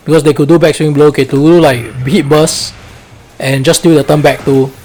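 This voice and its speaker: Male game coach, Singlish, slightly high voice, casual teaching with frequent check-in tags. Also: fairly even intonation, moderate pace, a little mellow, low-quality recording. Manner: colloquial Singlish, checks understanding with frequent "right?".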